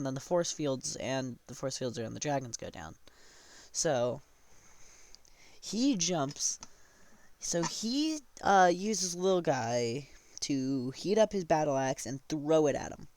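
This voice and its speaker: A man's voice: fairly high pitch, darkish tone, no echo. A man casually retelling a tabletop game session, rambling and often correcting himself mid-sentence. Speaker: storyteller.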